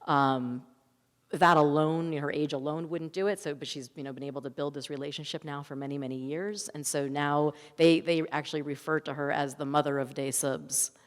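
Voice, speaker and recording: A woman speaks as a film director at a festival Q&A, telling informal stories in answer to audience questions. Her deep voice keeps a fairly even intonation at a moderate pace. The public event takes place in a large hall, and the recording echoes with long reverb.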